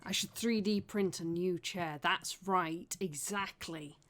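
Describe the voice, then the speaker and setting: A woman's voice: on the low side, takes it slowly, a bit bright. A woman streaming as she paints miniatures, chatting casually and thinking aloud about her work. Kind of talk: casual live-stream chat.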